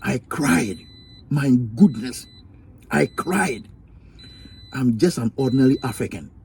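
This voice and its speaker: This is a young man with a Ghanaian accent, a vlogger telling a personal story in an emphatic, repetitive, somewhat preachy way. His medium-pitched voice is animated yet slow, creaky and a little mellow. A slight hiss or hum can be heard in the recording.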